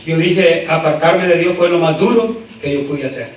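A man preaching a sermon to a congregation, peppering his talk with "amén" and building up to loud shouted exhortations. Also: on the high side, moderate pace, a crowd in the background. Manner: frequent "amén" interjections, talks straight to the congregation. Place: church sanctuary. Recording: echoey church from a distant mic.

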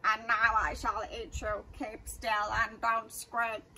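A woman voicing a slimy, greedy cake monster that gurgles, low and slow. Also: flat delivery, pushed and bright, a little hiss or hum, heavily acted. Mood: menacing. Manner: gurgling, menacing.

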